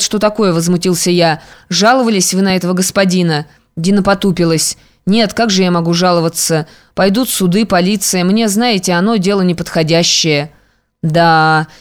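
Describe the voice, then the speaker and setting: Smooth-voiced reader, unhurried period storytelling. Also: medium pitch. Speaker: audiobook reader.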